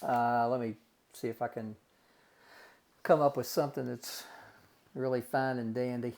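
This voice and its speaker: Calling his students "guys" and "gang," a man leads a recorded math lesson, working out each calculation step by step in a folksy tone. His medium-pitched voice stays steady, unhurried, and a little mellow.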